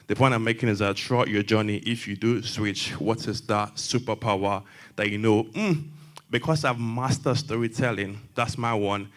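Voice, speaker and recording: A man in his late twenties, a panelist sharing his career path in a lively way, climbing to excited highs as he makes his points. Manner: lively, builds to excited highs with superhero analogies. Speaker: panelist, tech consultant. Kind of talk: panel testimony at a church young adults session.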